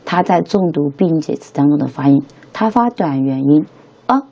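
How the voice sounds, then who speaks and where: A young woman gives a relaxed English lesson with a low, mellow voice. Her tone is a bit husky and the recording sounds dull and lo-fi. She keeps checking with her listeners as she talks. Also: moderate pace. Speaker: English teacher. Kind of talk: casual spoken lesson.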